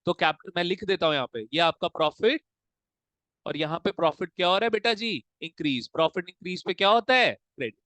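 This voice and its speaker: High-voiced teacher drilling a class. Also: male voice, fast, fairly bright tone, dry recording. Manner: drills students with repeated questions. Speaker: accounts teacher. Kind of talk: classroom lesson.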